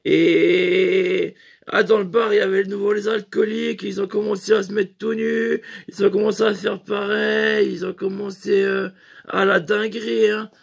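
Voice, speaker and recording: High, gravelly man rambling a bar story. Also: little pitch movement, moderate pace. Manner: rambling, slangy, crude, full of fillers. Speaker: comedian. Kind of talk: comedic bar anecdote.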